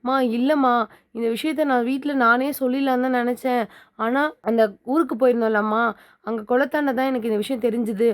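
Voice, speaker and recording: A woman's voice: a little high, steady tone, fairly quick, natural voice. A woman voicing a tearful young wife who speaks in sad, distressed pleading.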